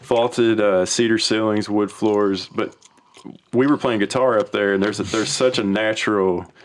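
A male podcast guest talks in a loose, meandering way about recording music, doubling back and restarting his sentences as he goes. His voice sits on the lower side and his delivery is easygoing rather than polished. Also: measured pace. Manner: rambling and relaxed, with frequent restarts. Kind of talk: casual chat.

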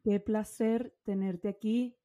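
A woman's voice: mid-range voice, fairly even intonation, takes it slowly, mellow. A woman hosting a podcast, greeting and questioning her guest in an enthusiastic, effusive way. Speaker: podcast host. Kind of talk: casual podcast chat.

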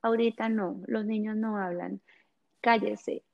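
A woman, a guest, talking in a gentle, hesitant way with many fillers, explaining in casual conversation. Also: mid-range voice, steady tone, measured pace, gravelly, muffled recording. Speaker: guest on chakras and essential oils.

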